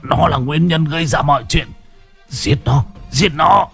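A man's voice: on the high side, measured pace, husky, faint music behind, voice pushed up, exaggerated voice. A man doing a snarling wounded old shaman. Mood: furious. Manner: snarling, shouting commands.

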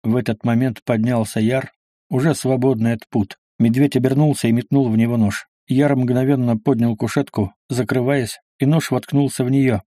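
A man narrating an action audiobook in a steady, dramatic reading. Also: mid-range voice, moderate pace, no room sound, studio quality.

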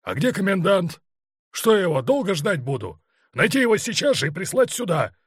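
A man's voice: high-pitched, big pitch swings, normal speed, husky, no room sound, clean studio sound, voice pushed up, full character voice. A man voicing a furious, tyrannical Cossack colonel who roars abusive commands in an audiobook. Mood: commanding.

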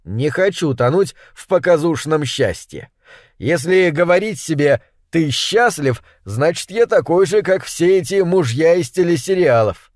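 A man narrating an audiobook in a measured, deadpan reading. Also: fairly high pitch, dry recording, clean studio sound. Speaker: audiobook reader. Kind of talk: scripted narration.

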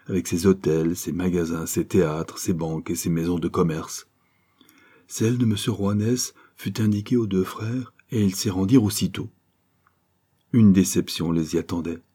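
A man narrating an adventure novel aloud in a measured, even reading. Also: deep voice, breathy edge. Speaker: audiobook narrator. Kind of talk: scripted narration.

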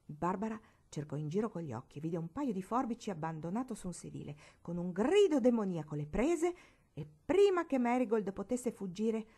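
Expressive woman reading a novel aloud. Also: medium pitch, fairly quick, husky. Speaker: storybook reader. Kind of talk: scripted narration of a novel.

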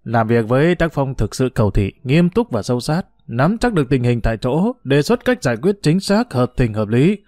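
A man's voice: medium pitch, sing-song, moderate pace, hardly any pauses, darkish tone, no echo, clean studio sound, natural voice. A man voicing a proud, teasing old retired official who talks in a boastful, bureaucratic way. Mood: smug.

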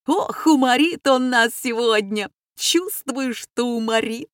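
Woman doing a gushing excitable student fan. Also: a little fast, breathy edge, no room sound, clean studio sound. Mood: gleeful. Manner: high, gushing exclamations.

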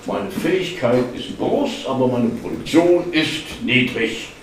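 Man reading as a dry amused coworker, a bit louder, roomy far-off sound. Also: medium pitch, animated, slow, slight background noise. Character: dry, quietly amused male colleague. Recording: echoey hall, distant mic.

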